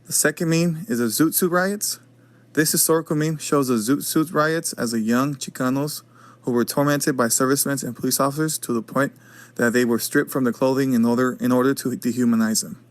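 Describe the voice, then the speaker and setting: A man's voice: mid-range voice, steady tone, fairly quick. A young man reading a prepared class presentation plainly, with small restarts. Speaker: student presenter.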